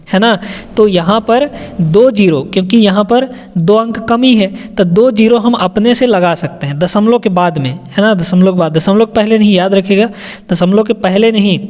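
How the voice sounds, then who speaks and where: A man's voice: sits high, a little mellow. A man. He repeats each step and keeps checking in with the class. The audio is dull and lo-fi, with a long reverb tail. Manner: repetitive, checks in with "है ना?" often. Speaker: math teacher. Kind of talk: classroom lesson explaining sums.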